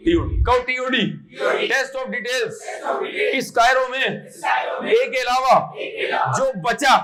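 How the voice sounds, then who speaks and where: A man teaching a classroom lecture, animated, quizzing students with repeated questions and chanted phrases. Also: high voice, poor audio. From Pakistan.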